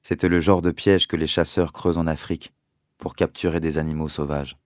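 A man reading a novel aloud in the first person, measured and expressive. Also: a bass voice, no room sound, clean studio sound. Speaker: audiobook narrator. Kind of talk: scripted narration of a novel.

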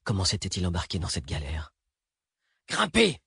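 A man narrating an action thriller audiobook in a steady, even read. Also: fairly low pitch, a little fast, slightly rough, dry recording. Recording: dry close recording.

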